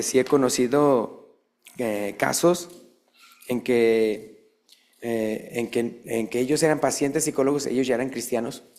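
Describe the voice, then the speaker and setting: A man's voice: medium pitch, darkish tone. Man, church teacher, conversational Bible lesson, rhetorical questions. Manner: chatty, peppers talk with rhetorical questions; acts out little quoted dialogues.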